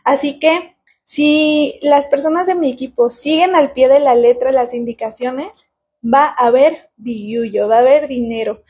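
A woman's voice: sits high, mellow, breathy edge. A woman in her thirties with a Mexican accent, leading a sales team and explaining her method to the camera, recorded on a phone indoors. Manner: persuasive, explains step by step with hand gestures. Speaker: direct sales team leader. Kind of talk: casual direct-to-camera sales pitch. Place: small indoor room with tiled wall. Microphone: phone camera at arm's length.

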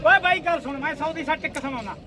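A man with a Punjabi accent brokering loudly at an outdoor livestock market, with theatrical, teasing, rhyming banter. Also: very high voice, fast, slight background noise. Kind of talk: loud haggling banter at a market. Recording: busy outdoor market crowd and vehicles.

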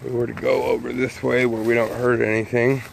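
A man's voice: mid-range voice, level tone, fairly quick, creaky, slight background noise. A man in casual home-video narration, chatting offhand outdoors in a backyard among his chickens. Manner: chatty, offhand, explains things plainly. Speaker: backyard chicken keeper filming his flock.

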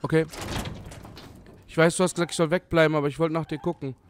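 A man's voice: on the high side, level tone, fast. A young man commenting on a horror game as he plays, scared and jumpy, swearing and talking to the game. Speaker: let's play gamer.

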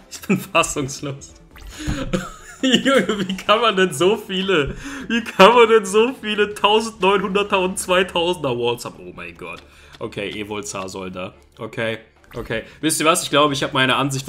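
A young man hosting a gaming video, giving excitable, exasperated commentary and repeating his phrases over and over. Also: medium pitch. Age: young adult. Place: indoor gaming room on camera. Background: game music.

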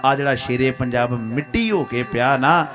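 A man's voice: mid-range voice, normal speed, music in the background, natural voice. A man voicing an old grieving villager who leans on a cane and tells his story through tears. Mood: sorrowful. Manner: tearful, plain telling.

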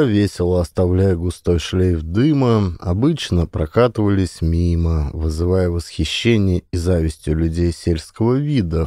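A man narrating an audiobook in a steady, expressive storytelling manner. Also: low-pitched, no echo.

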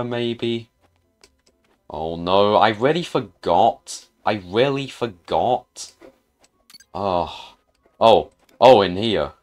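A man giving casual gameplay commentary as a gaming YouTuber, muttering hesitantly to himself with frequent restarts. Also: on the low side.

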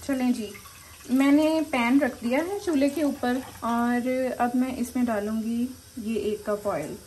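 A woman's voice: a little high, fairly even intonation, unhurried, darkish tone, slight background noise, rough recording. A woman hosts a home-remedy tutorial in her kitchen. She talks in a chatty, instructive way into a handheld phone camera while she cooks at the stove. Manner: chatty, instructive, often says "okay" and "come on". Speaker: channel host giving home remedies. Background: frying and sizzling.

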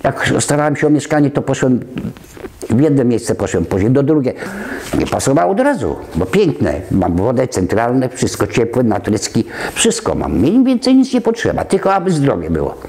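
A man's voice: mid-range voice, very animated, normal speed, warm tone, slight background noise. Older man, chatty and rambling. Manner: rambling, chatty, trailing off and restarting. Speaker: interviewee. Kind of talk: casual conversation. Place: community center, walking around.

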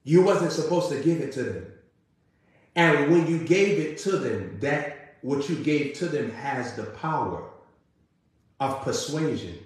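A man's voice: lively intonation, unhurried. Male preacher, sermon delivery, emphatic repetition, heavy room echo. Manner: rising to emphatic repeated questions, then dropping low. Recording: very echoey room.

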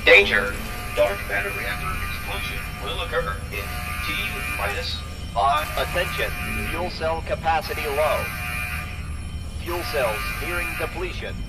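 A man voicing a male facility computer announcer who gives flat, automated warnings over a facility loudspeaker in a video game. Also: mid-range voice, a little slow. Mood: urgent alarm. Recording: echoey distant loudspeaker, loud music.

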